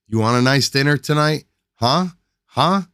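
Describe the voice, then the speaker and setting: A man voicing a violent drunken husband who yells and taunts, then snarls through gritted teeth. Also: low voice, normal speed, dry recording, studio quality, lightly acted. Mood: drunken rage.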